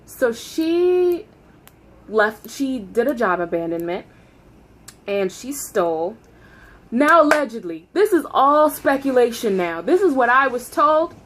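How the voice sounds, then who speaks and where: A woman telling a casual, gossipy storytime into her phone, animated, with dramatic emphasis and acted-out dialogue. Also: on the high side, slow pace, a little hiss or hum. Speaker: vlogger telling a personal story.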